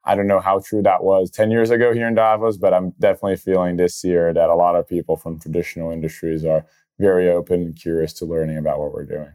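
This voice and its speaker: A young man from Brazil, a startup founder, telling his story in a relaxed interview with many fillers. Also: deep voice, fast talker. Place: outdoor event venue.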